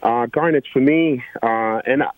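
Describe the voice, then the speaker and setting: Man, from Guyana, radio caller, earnest, halting with fillers, dry sound. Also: mid-range voice, dry recording, phone-quality sound. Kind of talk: call-in radio talk.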